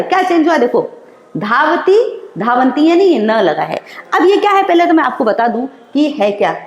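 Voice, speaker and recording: A woman teacher, explaining slowly and repeating each example in an online class lesson. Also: high-pitched. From India. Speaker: school teacher. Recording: roomy echo.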